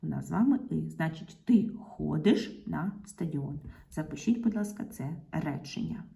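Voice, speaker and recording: A woman teacher talks young pupils through a grammar lesson, slowly and patiently, with some half-whispered asides. Her voice is mellow and a little gravelly. It rises and falls a great deal as she explains. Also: deep voice, animated. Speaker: primary school teacher.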